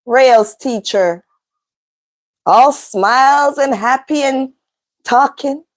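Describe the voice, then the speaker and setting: Woman vlogger, high voice, unhurried, emphatic storyteller. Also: poor audio. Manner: indignant, emphatic retelling. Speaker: vlogger and mother. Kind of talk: casual storytime vlog.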